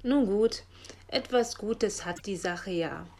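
A woman calmly reading a children's story aloud, narrating in an expressive way. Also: mid-range voice, takes it slowly, a little hiss or hum.

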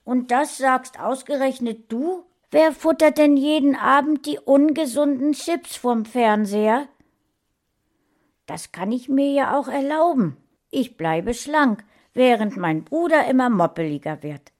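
A woman's voice: high voice, expressive, unhurried, darkish tone, pitched above the performer's own voice. Bossy, teasing teen sister in a storybook reading, voiced by a woman reader. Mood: indignant teasing. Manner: indignant, mocking. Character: teenage sister, indignant and teasing.

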